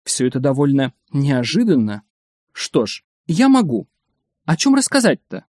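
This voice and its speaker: A man's voice: medium pitch, wildly swooping pitch, measured pace, a little mellow, no room sound, clean studio sound. A man voicing a cautious, pudgy male clinic director in a story reading. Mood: guarded. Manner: cautious, guarded. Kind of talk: audiobook character reading.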